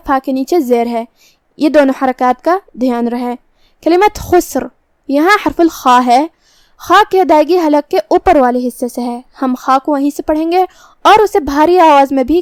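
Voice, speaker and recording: A woman teaching Quran recitation rules, calmly and methodically explaining how each letter is sounded. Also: high voice, no room sound. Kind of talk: tajweed lesson.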